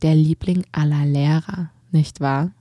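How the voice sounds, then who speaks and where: A woman voicing a gruff, disapproving old male shopkeeper who questions a boy sternly in an audiobook. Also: sits low, fairly even intonation, unhurried, mellow, dry recording, studio quality. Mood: stern, probing. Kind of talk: audiobook character voice.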